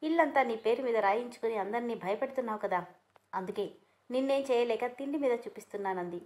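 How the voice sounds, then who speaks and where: A stubborn young woman, sulky and defiant, snapping back in a high voice, read by a woman storyteller. It comes from a narrated romance story. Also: fast talker, darkish tone, close to an everyday voice.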